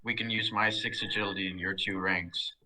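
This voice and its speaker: A man playing a tabletop game, eager and quick to jump in with ideas. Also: on the low side, steady tone, bright, forceful tone, rough recording. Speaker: player. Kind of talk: casual tabletop game chat.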